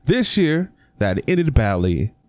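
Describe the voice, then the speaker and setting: A man's voice: mid-range voice, very animated, slow, a little mellow, dry recording. A young man talking casually on his own vlog, giving his opinion with emphatic rhetorical questions. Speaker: sports commentary vlogger. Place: indoor room.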